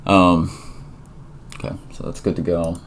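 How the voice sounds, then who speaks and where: A man's voice: low voice, level tone, measured pace, slight background noise. A tired man thinking aloud with many fillers as he walks through a coding tutorial, a yawn never far off. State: tired and yawning. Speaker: tutorial presenter. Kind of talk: casual screen-recorded coding tutorial.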